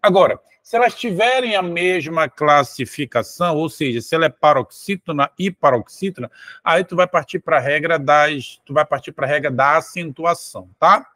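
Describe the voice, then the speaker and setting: A man's voice: on the high side, normal speed, sharp tone, no echo, clean studio sound. A man teaching Portuguese for an exam, explaining step by step and drawing words out syllable by syllable. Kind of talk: exam-prep lesson.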